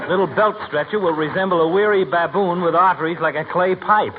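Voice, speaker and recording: An actor playing a sardonic old family doctor who delivers dry, ornate teasing insults in old radio comedy style. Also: male voice, high voice, brisk, natural voice. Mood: mocking. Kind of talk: 1940s radio comedy acting. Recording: tinny, noisy old radio recording.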